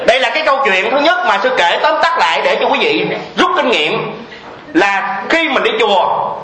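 Male buddhist monk, sermon, lively storytelling, quizzes the audience, high voice, echoey temple hall. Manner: animated, laughing often while telling stories; asks the audience questions and answers them.

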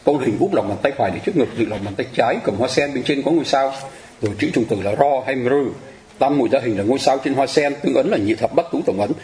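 A man teaching a casual Buddhist lesson, speaking to his listeners directly, wandering into asides and slowing down to chant mantras. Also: mid-range voice, a little mellow. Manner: chatty and digressive, addresses listeners directly, chants mantras slowly. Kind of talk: casual lecture on Buddhist star deities.

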